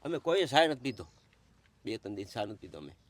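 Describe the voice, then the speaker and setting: Weeping and begging, a middle-aged man tells an interviewer about his struggles as a father in need, calling him "sir" over and over in this emotional exchange. He speaks quickly and very animatedly in a lowish voice, with slight background noise.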